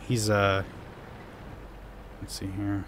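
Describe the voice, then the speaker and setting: This young gaming channel host, born in Korea, answers viewer questions during a live gameplay Q&A in a fairly low, monotone voice, very slowly. He rambles, restarts often, and says "you know" repeatedly, with background noise present.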